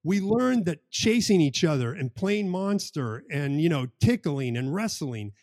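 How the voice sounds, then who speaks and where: A man's voice: on the high side, very animated, a little slow, darkish tone, no echo, clean studio sound. A man co-hosting a podcast conversation, making his points emphatically and repeating key phrases for stress. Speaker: podcast co-host.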